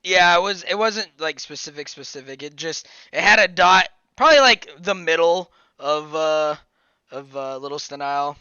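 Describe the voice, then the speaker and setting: A man running a tabletop game as game master, halting, with many ums and uhs. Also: fairly high pitch, sharp tone, smooth, no echo, muffled recording. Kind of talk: narrating a tabletop game over a call.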